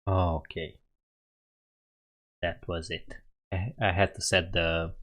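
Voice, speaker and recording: Over dull audio, a Romanian-accented coding streamer speaks in a deep voice with vocal fry. He narrates casually, thinking aloud and correcting himself as he types.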